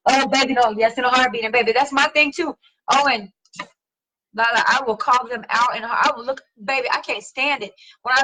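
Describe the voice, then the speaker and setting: A woman's voice: high-pitched, bright, forceful tone, low-quality recording. A woman hosting a talk show, speaking bluntly and emphatically, lecturing listeners directly and swearing freely. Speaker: podcast host. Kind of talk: casual opinionated talk.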